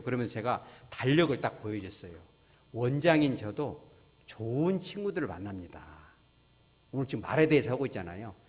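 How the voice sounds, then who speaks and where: A man preaching a sermon as a pastor, telling stories and acting out conversations in a lively, conversational way. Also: mid-range voice. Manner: storytelling with acted-out dialogue, lively and conversational. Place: church sanctuary. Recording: church hall with long reverb.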